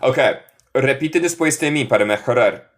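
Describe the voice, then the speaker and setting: A man teaches through in a live online lesson, speaking at a very slow, unhurried pace. His pitch sits in an ordinary middle range. He drills phrases patiently and switches easily between the two languages. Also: expressive, a bit bright. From United States. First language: English. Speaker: English teacher.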